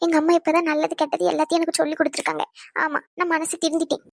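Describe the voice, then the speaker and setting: A woman voicing a scheming young bride in a cartoon who fakes tears, sweet-talking one moment and sharp-tongued the next. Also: extremely high pitch, level tone, very fast, gravelly, no room sound, clean studio sound. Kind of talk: cartoon voice acting.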